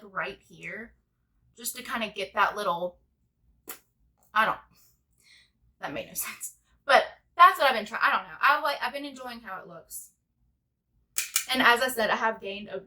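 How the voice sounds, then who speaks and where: A woman's voice: on the high side, sharp tone. A woman in her twenties chatting casually through a makeup tutorial, rambling with lots of "like". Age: 20s. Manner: rambling, chatty, heavy use of "like". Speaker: beauty vlogger.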